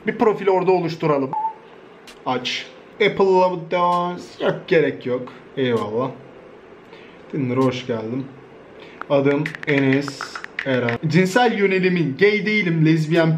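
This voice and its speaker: A man's voice: a little high, slight background noise. A young man from Turkey chatting casually in a vlog, joking, swearing freely and laughing often. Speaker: YouTuber.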